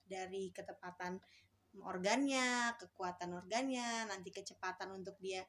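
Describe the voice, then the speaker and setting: A woman speech therapist explains her work casually, pausing often on fillers and restarting her sentences. Her voice sits at a middling pitch. A faint noise runs under the recording. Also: fairly bright tone. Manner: hesitant, many fillers and restarts.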